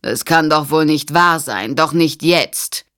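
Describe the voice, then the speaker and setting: A woman's voice: moderate pace, lightly acted. A woman voicing a cold, domineering female presidential adviser who speaks curtly and commandingly. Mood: stern. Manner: curt, commanding, low.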